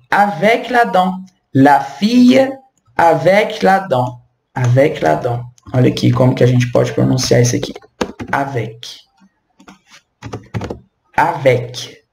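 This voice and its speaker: Slow, patient woman teaching pronunciation. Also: fairly low pitch, reverberant, a little hiss or hum. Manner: patient, repeats words slowly to model pronunciation. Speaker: French teacher. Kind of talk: online language lesson.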